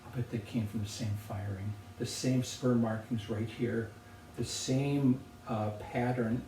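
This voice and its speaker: Older male potter, thoughtful and unhurried; gravelly, captured from across a roomy space. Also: medium pitch, steady tone, mellow. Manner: thoughtful, unhurried, with pauses and restarts. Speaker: potter presenting objects. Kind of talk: relaxed reflective conversation. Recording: roomy, distant from the mic, faint noise.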